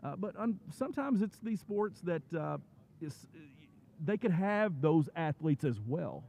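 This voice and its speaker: A man's voice: on the high side, sing-song, unhurried, gravelly, mellow. A man with a Kentucky accent hosting a local sports broadcast, chatting in a folksy, joking way. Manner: folksy, jokey. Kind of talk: casual sports broadcast chat. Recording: tinny phone-like livestream audio.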